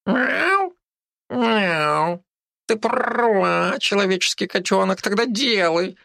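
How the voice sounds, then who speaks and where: A man voicing a cheeky, hungry male cat in an audiobook, pleading in a drawn-out, whiny way. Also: high voice, vocal fry, fairly bright tone, dry recording, studio quality, voice pushed up, exaggerated voice.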